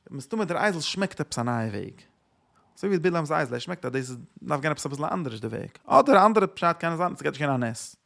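A man giving an informal religious teaching, halting and repeating himself, with English words mixed in. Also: fairly high pitch, animated, creaky, fairly bright tone.

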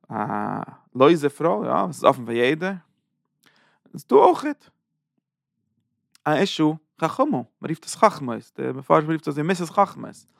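Gravelly man chanting a Torah sermon. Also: on the high side, dry recording, studio quality. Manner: sing-song chanting of verses, repetitive emphatic phrasing. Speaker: preacher giving a Torah talk.

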